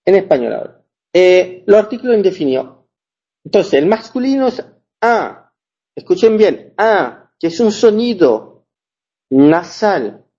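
A man teaching a French lesson, explaining pronunciation slowly and often checking that his students follow. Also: high voice, big pitch swings, warm tone, husky, highs cut off. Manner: slow, repeats and checks understanding often. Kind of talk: language lesson.

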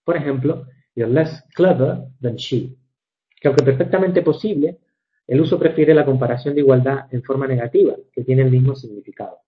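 A man teaching English grammar in a recorded lecture, measured and methodical, slowing down to read examples and correcting himself with fillers. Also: medium pitch. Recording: dull lo-fi recording.

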